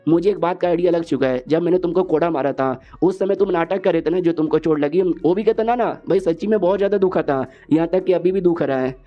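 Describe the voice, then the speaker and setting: A man's voice: fairly high pitch, quick pace, few pauses, lo-fi sound. A man narrating an anime story recap in a slangy, jokey way, voicing every character himself. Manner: slangy, jokey, repeats filler "yahan pe".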